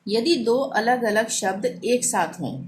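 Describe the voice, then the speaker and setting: A woman teaching a language lesson, explaining pronunciation rules patiently and repeating each example slowly. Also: fairly high pitch, noisy background.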